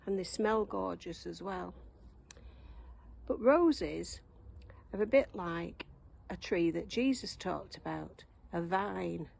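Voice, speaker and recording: A woman giving a gentle, homely children's church talk outdoors in her garden, showing things as she goes. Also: mid-range voice, gravelly, breathy edge. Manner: gentle, homely, show-and-tell.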